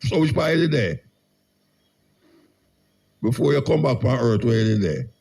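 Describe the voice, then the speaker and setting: A man's voice: medium pitch, sing-song, normal speed, vocal fry, darkish tone, slightly rough. A man with a Jamaican accent hosting a call-in show in casual Rasta speech, challenging callers with blunt questions. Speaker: radio call-in host.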